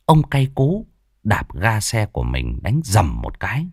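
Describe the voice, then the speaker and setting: Low-voiced man narrating a ghost story. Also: wildly swooping pitch, unhurried, breathy edge, no room sound, clean studio sound. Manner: dramatic, vivid telling. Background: faint music.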